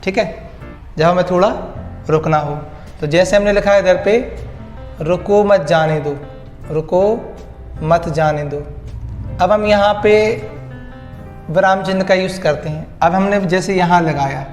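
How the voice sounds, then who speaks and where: A man's voice: high voice, normal speed, pauses often. A man teaching a grammar lesson to students, repeating key words back as questions. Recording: echoey room with faint music.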